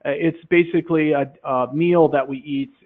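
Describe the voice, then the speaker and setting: A man demonstrating a classroom quiz game, explaining in a relaxed way with many fillers into a headset. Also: fairly high pitch, normal speed. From Minnesota, USA. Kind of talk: software demonstration talk. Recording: tinny phone-like line.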